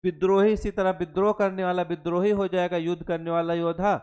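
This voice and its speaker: Young guy teaching an exam-prep hindi class, throws in english words, keeps repeating and asking the class stuff, smooth clear voice a bit on the high side. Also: steady tone, brisk, a little mellow. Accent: Hindi with English terms mixed in. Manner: repeats each definition, asks the class questions.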